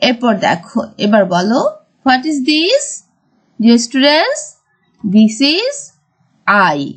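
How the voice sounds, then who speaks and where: A woman teaching a primary school English lesson, mixing English words with Bengali explanations and drawing words out slowly. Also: on the high side, huge pitch swings. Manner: slow, drawn-out word-by-word teaching. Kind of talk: recorded classroom lesson.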